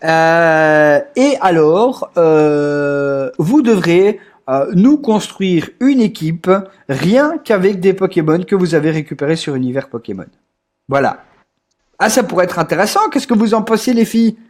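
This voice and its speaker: A man's voice: on the high side, sing-song, unhurried, darkish tone. A young man hosting a casual group voice call, rambling with lots of hesitations and repeated words. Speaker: group staff host.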